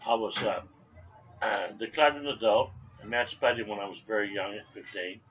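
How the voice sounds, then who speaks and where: A man of seventy, an old veteran remembering his service in an informal interview, rambling and halting as he talks. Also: lowish voice. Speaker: Vietnam veteran being interviewed. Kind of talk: informal interview, personal recollection. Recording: dull lo-fi sound, background noise.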